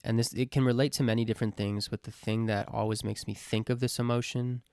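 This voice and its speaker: A man's voice: medium pitch, level tone, fast, a little mellow, clean tone, dry recording. Earnest rambling young man, dry close sound. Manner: rambling, hesitant, many fillers and restarts; sincere, earnest, swears casually. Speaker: vlogger answering his own question list. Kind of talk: casual reflective monologue.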